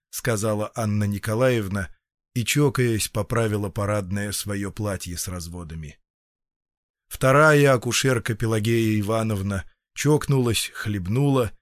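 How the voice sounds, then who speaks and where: A man narrating a literary story as an audiobook in a measured, expressive way. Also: lowish voice, dry recording, clean studio sound. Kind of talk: audiobook reading.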